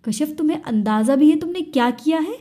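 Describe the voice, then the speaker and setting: A woman's voice: on the high side, animated, a little fast. A woman voicing a furious young man who hurls bitter accusations in an Urdu audio story. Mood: angry. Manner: shouting, bitter reproach.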